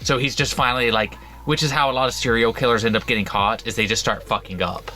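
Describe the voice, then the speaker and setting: A man co-hosts a horror book podcast, chatting casually, often restarting sentences and laughing frequently. His medium-pitched voice is steady in tone, quick, pushed and bright.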